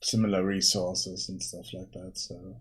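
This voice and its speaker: A tired man casually thinking aloud while working on his game during a live stream, pausing and restarting often. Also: low-pitched, flat delivery, a bit bright. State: tired, yawning.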